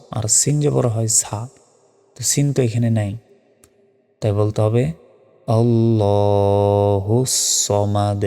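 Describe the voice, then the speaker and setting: Deep-voiced man teaching Quran recitation. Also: gravelly, dark tone. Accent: Bangladeshi Bengali. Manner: spells words letter by letter, drawn-out chanted recitation. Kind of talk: spoken lesson on Quran pronunciation. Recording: long reverb with faint music.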